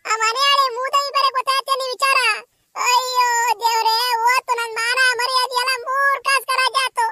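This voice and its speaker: Woman playing a cartoon village mum, squeaky very high voice, bright, melodramatic wailing and cursing. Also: fairly even intonation, quick pace. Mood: distraught. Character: distraught village mother, loud and wailing.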